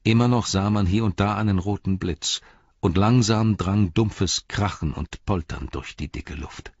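A man reads a fantasy audiobook in steady, measured narration. His voice is very deep and husky. The recording is dry and a little dull. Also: dry recording. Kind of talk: scripted narration.

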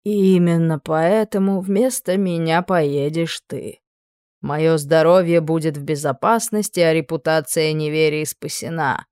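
A woman voicing a sly middle-aged king who fakes illness, in a slow, hoarse, wheezing voice. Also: sits low, fairly even intonation, darkish tone, dry recording, clean studio sound. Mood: weary.

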